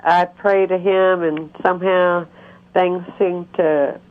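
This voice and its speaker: A woman's voice: on the low side, flat delivery, slow pace. A woman of fifty-nine calling in to a radio show, earnestly and insistently telling her personal story. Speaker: caller to a call-in show. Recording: dull, muffled phone call audio.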